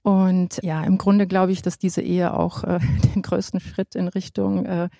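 A woman in her forties gives a personal testimony, pausing often with fillers. Her voice sits low and gravelly with a mellow tone. The sound is dry and close. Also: little pitch movement, no room sound. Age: 40s. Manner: hesitant, many fillers. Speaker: panel guest. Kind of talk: personal testimony in a panel talk.

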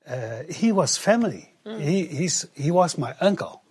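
A man from the Netherlands, a guest telling his story in short halting bits with many fillers and restarts for an interpreter. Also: a little high, expressive, a little mellow, husky. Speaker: guest, travel coordinator.

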